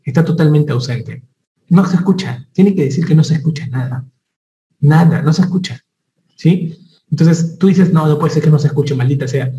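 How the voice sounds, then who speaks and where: Male med lecturer, fairly high voice, animated, echoey room, faint hiss. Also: moderate pace. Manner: animated, rhetorical questions, addresses student directly. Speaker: medical lecturer. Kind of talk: lively teaching talk.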